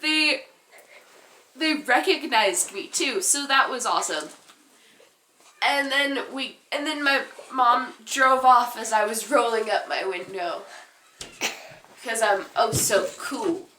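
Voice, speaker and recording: A teenage girl vlogger telling a casual story-time tale in an animated, giggly, rambling way. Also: fairly high pitch, slow, pauses often, echoey room.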